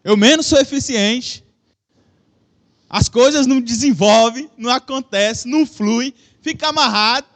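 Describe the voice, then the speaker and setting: A young man with a Brazilian accent giving a relaxed, joking sermon in a church hall, speaking into a microphone and asking the audience questions. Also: extremely high pitch, moderate pace. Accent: Brazilian Portuguese. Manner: chatty, joking, self-deprecating, addresses the audience with questions. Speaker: preacher. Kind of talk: casual conversational sermon. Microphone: microphone with a stage monitor.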